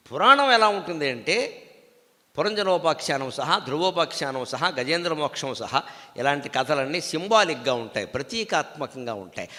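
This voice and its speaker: A man gives a devotional discourse with an emphatic, questioning delivery. His voice is high and bright. It rings with long reverb in a lecture hall. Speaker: discourse speaker.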